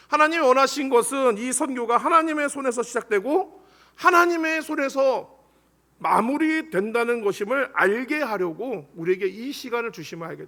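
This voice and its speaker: High, bright-voiced male pastor preaching. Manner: earnest preaching, leads congregation in reading scripture. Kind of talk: sermon. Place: church sanctuary.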